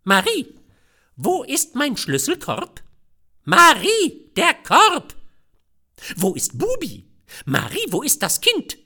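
A shrill frantic housewife. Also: male voice, wildly swooping pitch, slow, pauses often, pushed and bright, heavily acted. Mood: frantic scolding. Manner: shrieking, frantic scolding.

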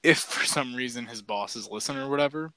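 A man co-hosting a podcast in casual chat, relaxed and rambling, with lots of "like" as filler. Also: mid-range voice, brisk, no echo, low-quality recording. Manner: relaxed, rambling, heavy use of "like". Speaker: podcast co-host.

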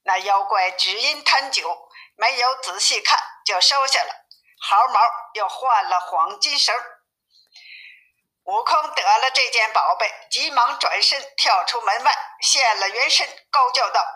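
A woman reading a classic novel aloud as a storyteller, in steady, even narration, with a tinny phone-like sound. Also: a little high, unhurried.

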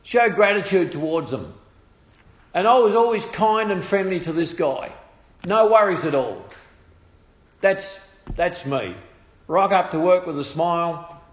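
An Australian man telling a personal testimony story in a halting way, with restarts and trailing phrases. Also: high voice, animated, roomy sound.

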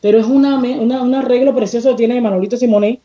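On a muffled recording, a woman singer from Cuba speaks fast in a fairly high, mellow voice with fairly even intonation. With her Cuban Spanish accent, she answers interview questions passionately and emphatically, occasionally reaching for words.

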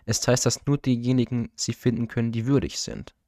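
A man's voice: mid-range voice, steady tone, a little fast, mellow, no room sound, studio quality, lightly acted. A man reading the part of a proud but nervous male guardian of his people in an audiobook story, firm yet uneasy and respectful. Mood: earnest, uneasy.

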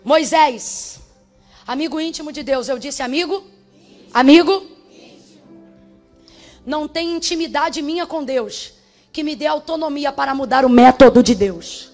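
High-pitched lady preacher, fiery, yelling refrains, soft music under her. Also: a little slow, pauses often. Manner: fiery, shouting refrains, speaking in tongues. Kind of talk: sermon. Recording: faint music behind.

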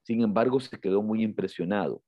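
Low-voiced man retelling a story haltingly. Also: no echo, lo-fi sound. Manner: halting, repeats words, acts out quotes with raised pitch. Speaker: podcast co-host. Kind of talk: casual storytelling chat.

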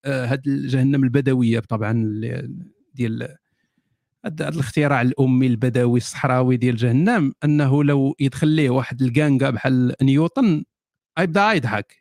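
Fast-talking Moroccan man, jokey host. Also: mid-range voice, creaky, a little mellow, no room sound, clean studio sound. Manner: jokey, laughs often, sardonic asides. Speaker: host answering viewer questions. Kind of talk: casual live Q&A.

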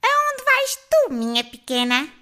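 A piercing, very high old witch woman talks in a slow, drawn-out cackle. Her voice is bright and sharp, with wild leaps up and down. She sounds old and bossy but not unkind. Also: huge pitch swings, heavily acted. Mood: questioning.

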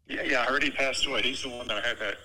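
A man's voice: mid-range voice, steady tone, crowd noise, poor audio. Middle-aged man heard on speakerphone. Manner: halting, casual, with many pauses and "uh"s. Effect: heard over a phone on speakerphone. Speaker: father called by his daughter. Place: airport, boarding a flight.

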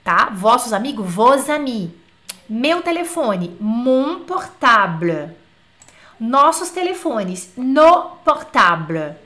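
Woman teacher, slightly high voice, chatty online French lesson, stretches out dictated words. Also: sing-song, pushed and bright. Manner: slow, drawn-out dictation of example words; chatty, asks the class questions. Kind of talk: live online language class.

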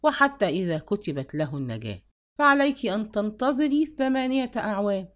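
A woman's voice: medium pitch, sing-song, fairly quick, close to an everyday voice. A woman voicing a persistent male suitor in a read-aloud story, coaxing and insistent. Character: persistent middle-aged male suitor, smooth-talking.

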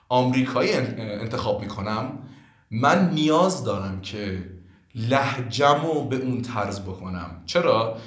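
Man from iran, language teacher, earnest lecturing tone, mid-pitched voice, roomy echo. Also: fairly bright tone. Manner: earnest, lecturing, many fillers. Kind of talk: podcast interview answers.

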